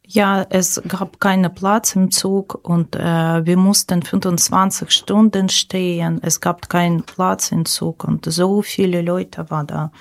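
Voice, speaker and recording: A woman's voice: fairly low pitch, flat delivery, measured pace, hardly any pauses. A middle-aged woman from Ukraine, a podcast guest speaking in careful, hesitant phrases. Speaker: guest, former teacher.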